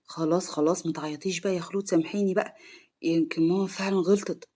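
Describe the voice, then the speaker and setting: Woman doing a lowered-voice young Egyptian husband. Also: fairly even intonation, rapid-fire, warm tone, natural voice. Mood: soothing. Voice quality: lowered, pleading voice.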